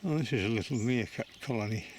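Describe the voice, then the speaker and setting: A man's voice: mid-range voice, fast, background noise. A man giving a casual, chatty walking commentary at an outdoor animal centre, musing and breaking off mid-sentence as he films. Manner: chatty, musing, self-interrupting. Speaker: vlogger touring a bird and animal centre.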